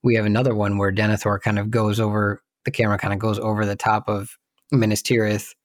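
A man's voice: on the low side, little pitch movement, fast talker, no room sound, clean studio sound. A man co-hosting a podcast, chatting casually about a film and thinking aloud as he searches for details. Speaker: podcast co-host.

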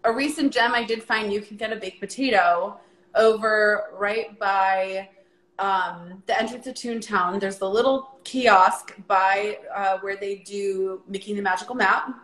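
A woman's voice: mid-range voice, steady tone, unhurried, a bit bright, reverberant, low-quality recording. A woman in her thirties, a podcast guest, talking in an easygoing, chatty way. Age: 30s. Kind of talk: casual chat.

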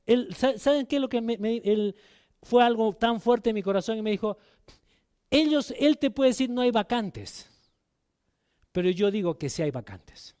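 A man preaching a sermon as pastor, telling a personal story and putting direct questions to the congregation, loud one moment and quiet the next. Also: lively intonation, moderate pace, clean tone. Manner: emotional storytelling, swings between loud exhortation and quiet low asides.

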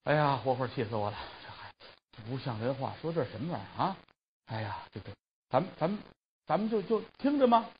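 Brief: man doing a huffy group of old men, indignant and complaining; animated pitch, lo-fi tape. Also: brisk, a little hiss or hum. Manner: indignant, grumbling. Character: grumbling old men who keep birds.

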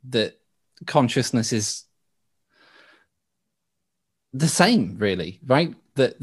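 A man from the West Midlands of England with an English accent, a podcast guest talking through ideas with many restarts. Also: mid-range voice. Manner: halting, with frequent restarts and laughs. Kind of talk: thoughtful conversational interview.

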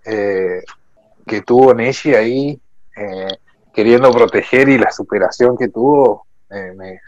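A young man, chatting casually in a soft-spoken way and often trailing off. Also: mid-range voice, unhurried, highs cut off. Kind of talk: casual chat.

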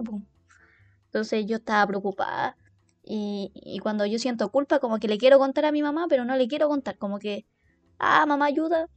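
A woman's voice: mid-range voice, a little mellow, dry recording. A young woman with a Chilean accent telling funny stories about herself in a casual, slang-heavy monologue. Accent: Chilean Spanish. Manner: chatty, self-mocking, heavy slang, quick laughs. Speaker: podcast host.

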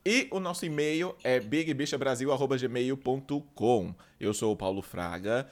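A man's voice: mid-range voice, normal speed. A man hosting a podcast in casual chat, playful and peppered with camp slang. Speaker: podcast host.

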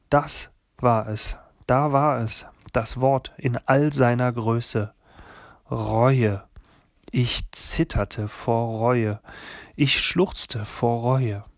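A man narrating a children's novel in the first person, calm and measured. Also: mid-range voice, vocal fry, no echo, studio quality. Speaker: audiobook narrator.

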